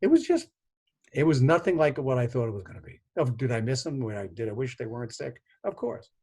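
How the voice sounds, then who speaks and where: A husky-voiced man in his sixties, speaking at an ordinary middle pitch. He tells family anecdotes as a guest, animated and conversational, and slips into the voices of the people he quotes. He sounds like he is talking over a video call. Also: quick pace. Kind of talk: conversational storytelling.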